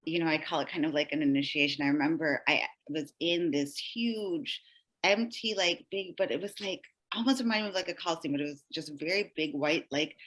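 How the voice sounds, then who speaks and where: Low, bright-toned woman telling a story. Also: brisk, poor audio. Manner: rambling, full of likes and you-knows. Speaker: podcast guest. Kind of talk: casual storytelling interview.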